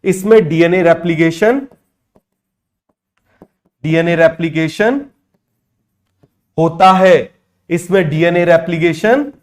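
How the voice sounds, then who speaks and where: A young man teaching biology for an exam, drilling students with repeated quick questions and answers, and using English terms with an Indian accent. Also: on the high side. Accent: Indian English terms within Hindi speech. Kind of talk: exam-prep lecture.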